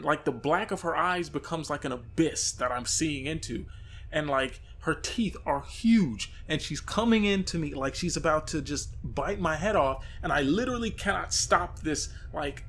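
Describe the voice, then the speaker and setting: A young man telling his own eerie out-of-body experiences in a casual, earnest way. His pace quickens at the tense parts. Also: fairly high pitch, fairly bright tone, a little hiss or hum. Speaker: storyteller. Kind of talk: casual first-person storytelling.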